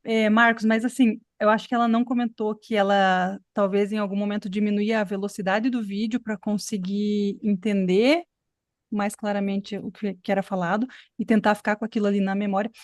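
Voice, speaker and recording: A woman's voice: mid-range voice, flat delivery, fairly quick, no room sound, studio quality. A woman English teacher explaining to her students in an online class, encouraging and chatty, often tagging her sentences with little checks. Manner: explanatory, encouraging, many filler tags.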